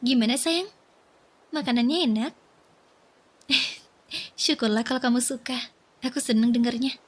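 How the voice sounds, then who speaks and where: A woman voicing a soft, breathy worried young wife. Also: a little high, a little slow. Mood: gentle. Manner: gentle, coaxing, pleading. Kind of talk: whispered role-play.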